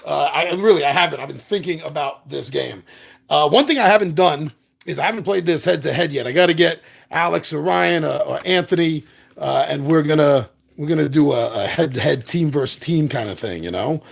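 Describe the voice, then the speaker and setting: A man's voice: on the high side, brisk, creaky. A man hosting a board game video, talking casually and rambling with lots of fillers, a little out of breath. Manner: rambling, self-deprecating, chatty with fillers. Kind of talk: casual chat to a live audience. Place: apartment.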